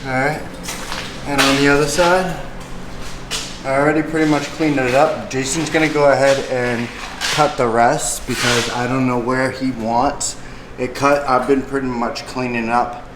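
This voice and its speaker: A man's voice: medium pitch, fairly even intonation, a little slow. A young man casually walking viewers through a car repair in his garage, talking loosely with slang. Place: home garage with a car lift. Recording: echoey garage, faint noise.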